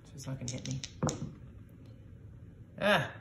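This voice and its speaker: Low-voiced woman hosting a board game. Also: animated, unhurried, vocal fry, echoey room, background noise. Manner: explains rules aloud, chatty, reacts with little exclamations. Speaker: host playing a board game with her daughter. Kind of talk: casual game-play chat to viewers.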